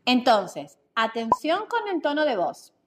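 Her voice sits high and has a sing-song quality as this woman hosts an instructional podcast. She teaches communication skills in a clear, measured manner, posing rhetorical questions.

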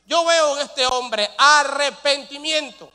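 High bright-voiced preaching man. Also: slow. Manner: preaching with dramatic rises and drops, rhetorical questions. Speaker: pastor. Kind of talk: sermon. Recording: long hall reverb.

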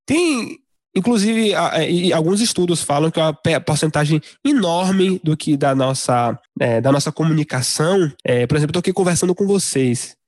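A man with a somewhat high voice explains his views in a reflective, halting way, full of fillers and restarts. The sound is dry and close, with no room around it. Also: expressive, darkish tone, no room sound. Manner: hesitant, many restarts and fillers. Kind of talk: casual discussion.

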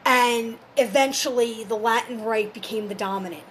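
Higher-voiced woman explaining like a storyteller. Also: normal speed, a bit bright, a little hiss or hum. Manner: conversational storytelling, explaining step by step. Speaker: storyteller and folklore teacher. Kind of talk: informal explanatory talk on folklore and church history.

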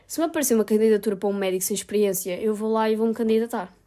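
Speaking very fast in a warm, medium-pitched voice, a young adult woman with a European Portuguese accent vlogs casually. She's frank, laughs at herself, and swears freely.

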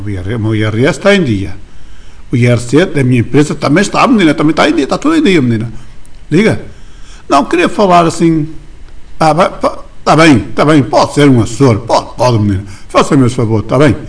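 A man's voice: medium pitch, slightly rough. A man with a European Portuguese accent performs a comic monologue as an indignant small-business owner on the phone, stammering and insisting. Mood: insistent. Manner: stammering, insistent, repeats "menina" and "senhor assessor". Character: indignant small-town male business owner phoning a ministry. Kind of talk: comic monologue, one side of a phone call.

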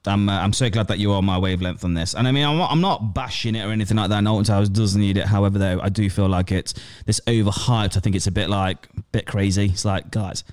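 A man's voice: on the low side, fairly even intonation, fast, few pauses, a little mellow, no echo, studio quality. A British man hosting a show in casual, matey, slangy chat. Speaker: show host.

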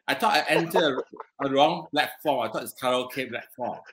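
A man with a Malaysian accent co-hosts a casual discussion, speaking earnestly in short, halting, plain phrases. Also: medium pitch, fairly bright tone, a little hiss or hum. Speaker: talk show co-host.

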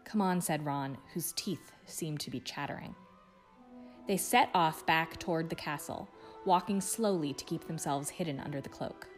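A woman reading a book chapter aloud in a hushed, suspenseful way. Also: deep voice, moderate pace, soft background music. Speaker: guest reader.

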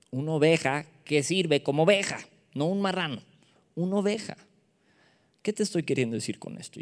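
A man delivers a playful sermon in a fairly high, slightly mellow voice, rattling off rhetorical questions. A long reverb surrounds him, like the sound of a large hall.

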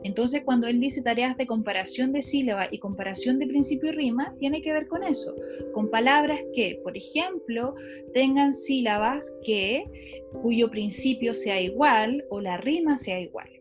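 High-voiced woman teacher explaining patiently. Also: moderate pace, over music. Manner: explains step by step, asks a student questions. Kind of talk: lecture on phonology.

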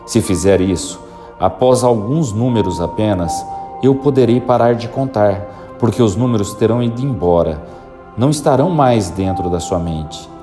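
A man guiding a listener through a hypnosis induction with slow, soothing, repetitive instructions. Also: lowish voice, over music.

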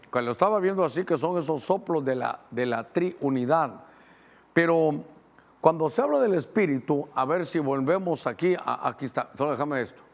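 A middle-aged man from Guatemala, a pastor preaching a Bible-study sermon who slows to read verses aloud and speeds through asides to his helpers. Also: on the high side. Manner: teaching, directing helpers to show verses on screen.

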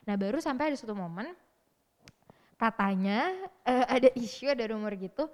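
Young woman guest telling her story all slangy and lively, kinda high voice, echoey room. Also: moderate pace. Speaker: interview guest. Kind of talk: casual storytelling chat.

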